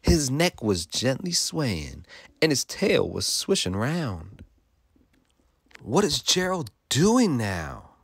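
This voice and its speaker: A man's voice: medium pitch, wildly swooping pitch, slow, vocal fry, slightly rough, dry recording, studio quality. A male teacher reading a rhyming picture book aloud to children in a sing-song way, stopping to ask them questions.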